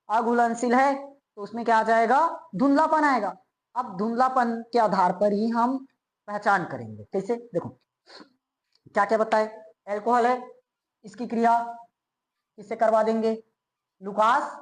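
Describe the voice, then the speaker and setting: A woman with a somewhat high-pitched voice teaches a chemistry lesson. She keeps asking quick questions to check that her students follow, then answers them herself. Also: rough recording. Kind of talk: classroom lecture.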